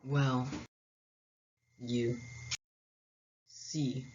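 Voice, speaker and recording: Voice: medium pitch, flat delivery, extremely slow, noisy background. A host narrating a history explainer in a casual way, with wry, joking asides. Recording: dull, muffled lo-fi recording.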